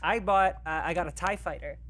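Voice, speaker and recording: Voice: medium pitch, fairly bright tone. Riffing podcast co-host, faint hum. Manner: quick riffs, playful silly voices. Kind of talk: casual comedic chat.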